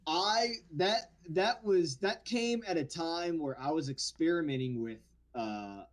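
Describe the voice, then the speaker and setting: A man's voice: on the high side, unhurried. A man who works as an actor, from the New Orleans area, telling stories in a casual podcast chat with frequent restarts. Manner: storytelling, animated, frequent restarts. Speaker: guest actor.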